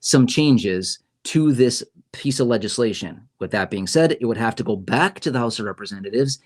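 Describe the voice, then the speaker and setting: On a casual YouTube livestream, a male host talks through policy news in a conversational style, often adding "okay?" and "right?". His mid-range voice has lively intonation and a moderate pace.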